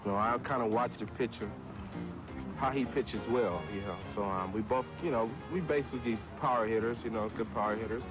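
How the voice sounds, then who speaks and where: A man, a professional baseball hitter, answering interview questions haltingly and repeating fillers. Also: on the low side, music in the background, poor audio. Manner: halting, repeats "you know".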